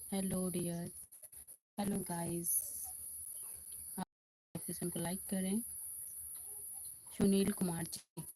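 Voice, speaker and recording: In a quiet back room of a house, a woman with a medium-pitched voice runs a casual live stream, chatting and responding to viewer comments.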